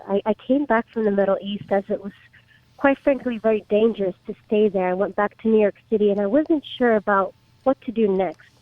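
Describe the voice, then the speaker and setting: A woman's voice: medium pitch, no echo. Woman guest on a tinny phone line. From Czech Republic. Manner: hesitant, many restarts and fillers. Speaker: startup guest. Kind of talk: casual interview answers.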